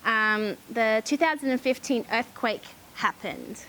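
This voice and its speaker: Higher-pitched Australian woman, hesitant. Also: lively intonation, measured pace, pushed and bright, a little hiss or hum, rough recording. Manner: hesitant, many ums. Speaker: charity founder. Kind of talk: casual storytelling.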